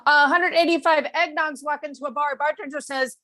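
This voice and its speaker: A woman performing in a live improv game, telling quick bar jokes and reacting often. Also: high-pitched, fairly even intonation, over a noisy crowd.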